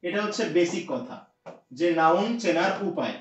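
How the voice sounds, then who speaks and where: A man's voice: sits high, animated, normal speed. A man teaching an English grammar lesson, explaining step by step and often asking his students rhetorical questions. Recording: echoey distant lo-fi room sound.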